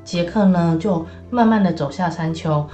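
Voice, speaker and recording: Animated woman telling a children's story. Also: on the low side, moderate pace, highs cut off. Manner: lively, animated, with many fillers. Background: soft background music.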